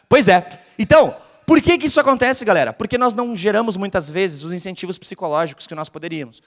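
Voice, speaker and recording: A man's voice: high voice, a little fast. A man from Porto Alegre with a southern Brazilian accent, giving a live business talk to an audience and keeping them engaged by quizzing them. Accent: southern Brazilian (gaúcho). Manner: energetic, keeps quizzing the audience. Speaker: conference speaker. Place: large hall with a live audience. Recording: reverberant hall sound.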